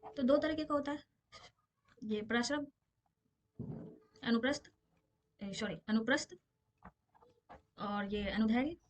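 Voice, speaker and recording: A woman's voice: a little high, a little slow, long pauses. A woman physics teacher giving a casual exam-prep lesson, explaining with everyday examples and often checking that her students understand.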